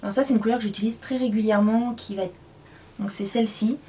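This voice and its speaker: A woman's voice: fairly high pitch, fairly even intonation, fast talker, mellow. A woman vlogger chatting casually as she reviews and swatches makeup at home, in a rambling, self-deprecating way. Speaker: beauty vlogger. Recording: voice a bit far from the mic.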